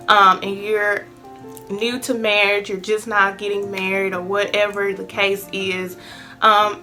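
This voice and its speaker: A woman in her late twenties, her voice mid-range with a sharp tone, offers personal advice in a vlog. She's chatty and earnest, saying "um" many times.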